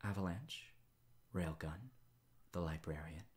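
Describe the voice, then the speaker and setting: A calm superhero who commands a living tornado speaks softly, almost in a whisper, as a man puts him on. This is whispered role-play in an audiobook, the voice very deep and hushed. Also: a little slow. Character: soft-spoken male hero, living tornado.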